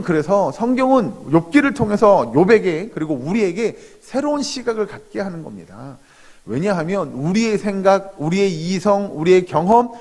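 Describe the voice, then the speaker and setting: A male pastor preaching an early morning sermon, reading scripture slowly and voicing Job's questions with rising intensity, with frequent filler sounds and direct address to the congregation. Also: high-pitched, darkish tone. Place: church sanctuary. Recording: long hall reverb in a church.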